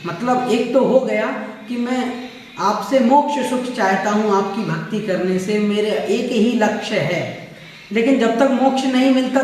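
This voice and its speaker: A man teaching a religious text, patiently repeating each word slowly so listeners can practise. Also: sits high, a little hiss or hum. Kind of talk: scripture pronunciation lesson. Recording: echoey distant room recording.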